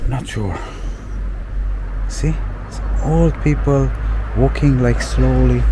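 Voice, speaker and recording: Background noise surrounds a young Romanian travel vlogger with a mid-range voice as he films casually outdoors on a town street. He exclaims often at what he sees, leans on loose fillers and calls his viewers "guys."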